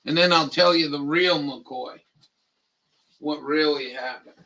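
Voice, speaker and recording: Rambling livestream host, man with a Maine accent, crude and joking, slow drawl, bright gravelly voice. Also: fairly high pitch, rough recording. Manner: crude, joking, drawling, reads aloud mockingly. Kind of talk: rambling casual livestream chat.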